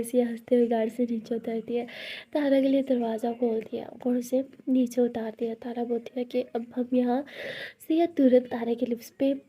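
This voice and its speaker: A woman's voice: on the high side, dark tone, breathy edge. A woman narrating a romance story in a plain, conversational way.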